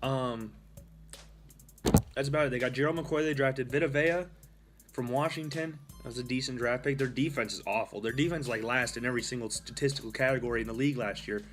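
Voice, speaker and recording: A young man hosting a casual solo sports talk show, rambling and correcting himself as he goes. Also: medium pitch. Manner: rambling, with fillers and self-corrections. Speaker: host.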